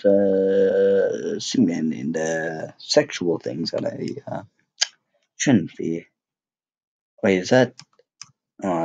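A man's voice: deep voice, darkish tone, slightly rough, lo-fi sound. A young man giving casual, joking gameplay commentary, rambling with many fillers and mocking himself. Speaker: gaming YouTuber.

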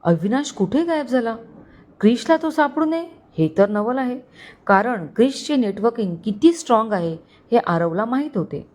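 A woman storyteller narrating a story in a steady, dramatic way. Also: fairly high pitch, normal speed.

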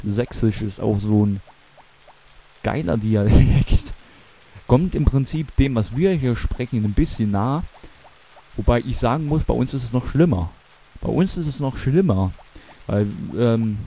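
Speaking in a lowish, dark-toned voice, a young let's play commentator from eastern Germany chats about a game in his Mansfeld accent. He rambles and keeps correcting himself over slight background noise.

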